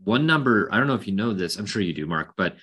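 A man's voice: expressive, quick pace, bright, forceful tone, husky. A man hosting a webinar as a coach, talking informally with many fillers over a video call. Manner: informal, filler-heavy pitch. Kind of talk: casual webinar talk.

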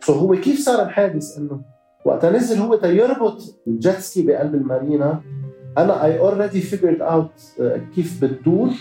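A man's voice: fairly high pitch, warm tone. A man with a Lebanese accent telling his own story in an interview, slipping English words into his speech. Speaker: interview guest, activist. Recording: roomy echo.

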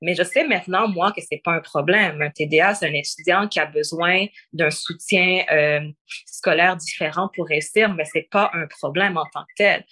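A woman's voice: fairly low pitch, normal speed, pushed and bright. A young woman in her twenties with a Québécois French accent, answering interview questions thoughtfully with frequent hesitations. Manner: thoughtful, frequent fillers and restarts. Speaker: interview guest.

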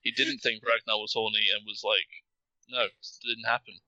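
Sharp, forceful man bantering at a tabletop game. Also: fairly low pitch, level tone, brisk, no echo, muffled recording. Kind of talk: casual in-character banter and narration.

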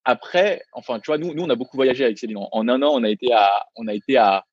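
A man's voice: mid-range voice, expressive, breathy edge, dry recording, muffled recording. A man, a restaurant co-founder, talking casually in a podcast interview, full of fillers and restarts. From Vietnamese heritage, raised in France. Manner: halting, many fillers and restarts.

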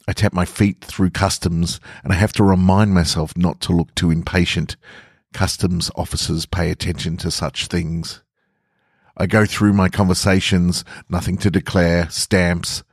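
In studio-quality audio with no echo, a low-voiced man hosts a podcast, giving a casual intro and then reading short fiction in a playful, informal way.

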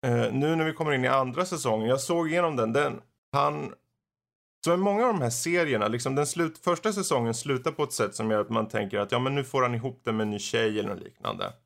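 A man with a gravelly, fry-tinged voice co-hosts a podcast. He talks casually and hesitantly, with many fillers. His pitch sits in the middle range. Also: fairly bright tone. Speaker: podcast co-host. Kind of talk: casual chat.

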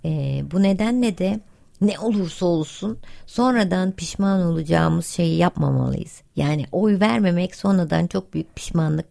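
A woman with a slightly low, gravelly voice and a warm, dark tone speaks earnestly to her listeners. She talks in a casual discussion style and presses her points with conviction. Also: moderate pace. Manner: earnest, urging listeners to vote.

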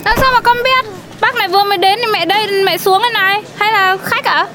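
A squeaky, whiny cartoon school kid who rattles off cheeky pleas at a rapid clip. The voice sits very high and sounds bright and sharp. Soft music plays underneath. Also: female voice, a faint crowd, slight background noise. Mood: coaxing. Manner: pleading and cheeky. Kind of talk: cartoon voice acting.

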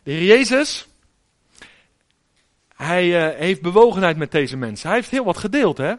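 A man's voice: high-pitched, very animated, moderate pace. A middle-aged man preaching a sermon in a conversational, storytelling way, often asking the listeners direct questions.

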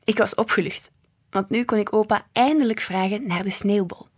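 A woman reading a children's book aloud in a lively, expressive way. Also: mid-range voice, moderate pace, breathy edge. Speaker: storybook reader.

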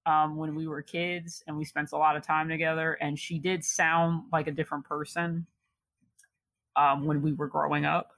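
A woman's voice: deep voice, level tone, normal speed, a bit bright, no echo. A young woman from Chicago telling a personal story in casual conversation, laughing often and reflecting with many fillers.

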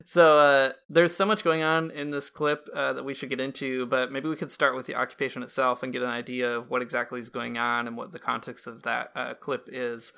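Bright, creaky-voiced male interviewer. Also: mid-range voice, little pitch movement, brisk, hardly any pauses. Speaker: podcast host, interviewer. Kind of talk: casual intellectual interview.

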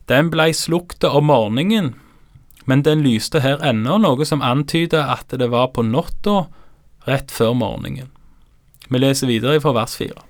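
Calm man explaining scripture. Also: mid-range voice, no room sound. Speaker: Bible teacher. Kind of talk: scripture commentary.

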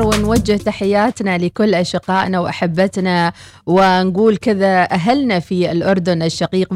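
A woman with an Omani accent presenting a morning radio show, with headlines, sponsor reads and listener messages. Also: fairly low pitch.

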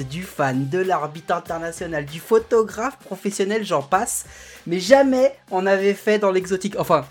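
A man co-hosting a podcast with playful, teasing banter in casual chat. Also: sits high. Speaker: podcast co-host.

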